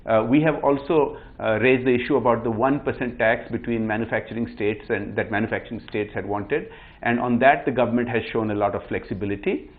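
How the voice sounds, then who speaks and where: A man, a politician on a TV panel interview, making measured arguments over the phone. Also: mid-range voice, steady tone. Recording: tinny phone line.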